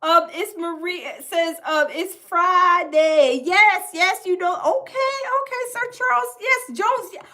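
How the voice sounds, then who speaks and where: Casting: Southern woman livestream host, high voice, chatty and folksy, repeats herself. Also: a little slow, few pauses, bright, forceful tone. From American South. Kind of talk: casual livestream chat, reading viewer comments.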